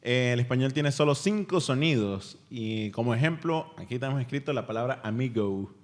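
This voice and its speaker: A man hosting a casual language-learning podcast, energetic and often laughing. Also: mid-range voice, moderate pace. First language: Spanish. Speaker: podcast host.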